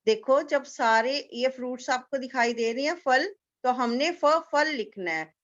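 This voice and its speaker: Slow, patient woman teaching little children. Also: sits high, a bit bright, muffled recording. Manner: slow, patient, repeats each word for children to echo. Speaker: kindergarten teacher. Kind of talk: online class lesson for young children.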